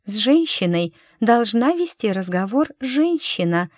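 A woman's voice: a little high, sing-song, measured pace, no room sound, voice pushed up. Woman doing a sly young female commander, pushy and mocking, raised lighter voice, dry close sound. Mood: insistent.

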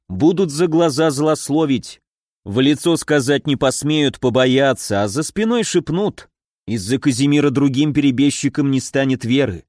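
A male narrator reads a scripted audiobook in an even storytelling style. His mid-range voice comes through clean studio audio with no room sound.

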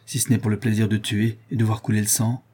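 Un homme lisant un livre audio fait parler un artisan bouleversé qui bredouille puis presse ses amis. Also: male voice, on the low side, flat delivery, fast talker, dark tone, breathy edge. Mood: bitter. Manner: stammering, then urging on. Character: shaken, bitter male artisan friend.

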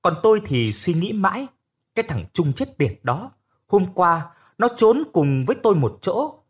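A man narrating a first-person audiobook story in an expressive storytelling manner. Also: high voice, moderate pace, slightly rough.

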